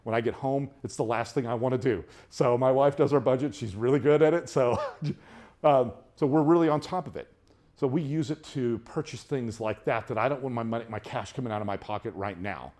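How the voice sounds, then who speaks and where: Chatty man teaching a budgeting class. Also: a little fast. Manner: conversational, rambling storyteller with frequent restarts; grows more animated and higher when telling personal stories. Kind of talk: classroom lecture.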